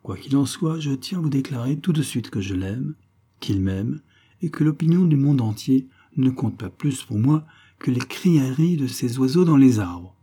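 A man's voice: medium pitch, animated, a little slow, dark tone, breathy edge. A man reading an audiobook, voicing a proud, cold young noblewoman who speaks icily and haughtily. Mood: haughty. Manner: icy, haughty.

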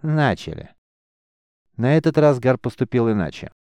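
A man narrates a fantasy audiobook in a measured, even way. His voice sits low and smooth, recorded dry and close to the mic. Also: no echo. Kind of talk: scripted narration.

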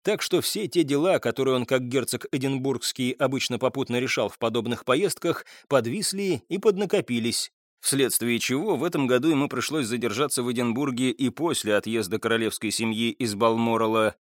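A man narrating an audiobook chapter in a measured, wry storytelling manner with occasional casual asides. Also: medium pitch, no room sound, studio quality. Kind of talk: scripted narration of a historical novel.

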